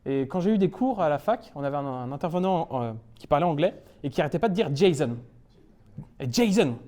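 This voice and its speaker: A man from France gives a joking talk on developer jargon to a room of peers. His voice is mellow and dark, and his pitch jumps about a lot as he teases the audience and laughs at himself. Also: animated, fast. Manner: playful, self-mocking, chuckles often. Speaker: conference speaker. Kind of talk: humorous tech talk to a live audience.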